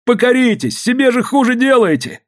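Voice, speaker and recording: Man doing panicked soldier, pitched way up, husky, shouting pleas, audiobook. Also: lively intonation, a little slow, exaggerated voice. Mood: pleading. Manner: pleading, shouting. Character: frightened pleading soldier, adult man.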